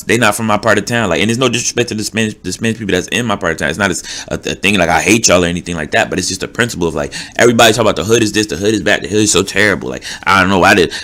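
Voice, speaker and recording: Podcast host: young man, New Jersey accent, low-pitched, rapid streetwise rant. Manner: animated, streetwise, rambling with many fillers. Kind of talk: casual rant.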